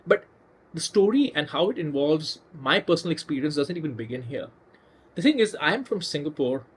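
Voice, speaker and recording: A man's voice: a little high, animated, fairly quick, a little hiss or hum. A man hosting a casual storytelling video, talking conversationally with restarts and emphatic asides. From India. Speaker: music channel host.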